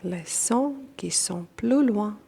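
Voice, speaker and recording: A woman guides a yoga nidra meditation in French as instructor, her accent non-native. Her medium-pitched voice is gravelly and slightly rough, and she speaks calmly and deliberately in short phrases with long pauses.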